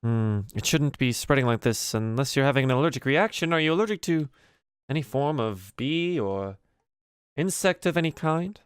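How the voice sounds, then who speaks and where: A practical elf woman tends the wounded in a tabletop fantasy game, acted out by a man. The delivery is calm, hesitant and matter-of-fact, at a middling male pitch in a dry recording. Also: moderate pace, clear, resonant tone, dry recording, close to an everyday voice. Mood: concerned. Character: calm practical female elf field medic.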